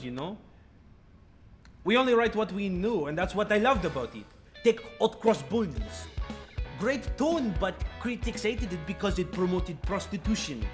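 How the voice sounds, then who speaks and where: An actor playing a rock band drummer who speaks candidly. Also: male voice, a little high, lightly acted. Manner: candid, reminiscing. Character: rock band drummer, male, nostalgic interviewee. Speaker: interviewee. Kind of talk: mockumentary interview. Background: music.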